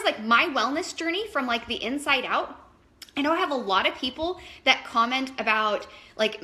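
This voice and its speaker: A woman's voice: fairly high pitch, bright, forceful tone. A woman in her thirties, a wellness coach, chatting casually and rambling with lots of fillers in a live video from home. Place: at home, indoors.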